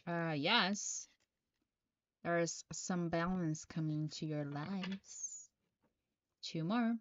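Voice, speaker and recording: On a live stream, a Brazilian woman reads tarot in English, her second language, with a Brazilian Portuguese accent. She reads viewers' questions aloud and answers them slowly and haltingly. Her voice is fairly low, and the recording is muffled with no echo.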